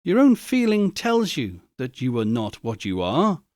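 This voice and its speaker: A man voicing a gentle, sorrowful young woman in a storybook reading, soft, measured and resolute. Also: mid-range voice, wildly swooping pitch, dry recording, studio quality. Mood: sad, resolute.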